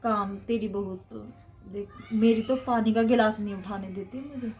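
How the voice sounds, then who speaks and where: A woman's voice: mid-range voice, fairly even intonation, moderate pace, a little mellow, faint music behind, close to an everyday voice. A middle-aged woman with a Haryanvi accent playing a chatty, gossipy mother-in-law in a comedy skit. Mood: contrite.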